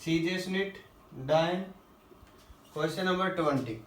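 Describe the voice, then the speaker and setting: A male physics teacher going through quiz questions, asking the class questions and answering them himself, reading English questions slowly before explaining. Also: on the high side, fairly bright tone, recorded from a distance. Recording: echoey room, voice a little off-mic.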